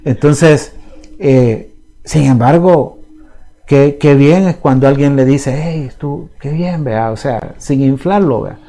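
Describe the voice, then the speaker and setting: A pastor preaches in a soft, conversational tone. His voice is mellow and dark at a middle pitch. He keeps checking in with his listeners and restarts phrases as he hunts for words. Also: takes it slowly, poor audio. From El Salvador. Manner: soft-spoken, conversational, often asks "¿verdad?"; restarts and repeats words as he searches for them. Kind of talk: sermon.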